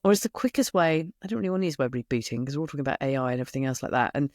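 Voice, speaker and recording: A woman's voice: very deep voice, expressive, very fast, a little mellow, no room sound, studio quality. A woman hosting a podcast, chatting casually and rambling, often breaking off and restarting her sentences. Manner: chatty, rambling, self-interrupting. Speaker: podcast host. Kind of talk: casual solo podcast outro.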